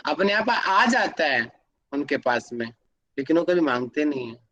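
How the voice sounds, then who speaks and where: A man teaches an online lesson, walking through everyday examples. He keeps stopping to put questions to his students. His voice sits high for a man. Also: very animated, normal speed, bright, forceful tone, highs cut off. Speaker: yoga academy teacher. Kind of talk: online class lecture.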